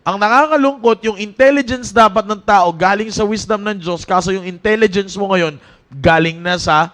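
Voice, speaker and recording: Brief: man, youth preacher, high voice, animated and joking, church sermon. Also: normal speed. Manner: animated, joking storyteller who breaks into laughter. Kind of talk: casual Taglish sermon to young people.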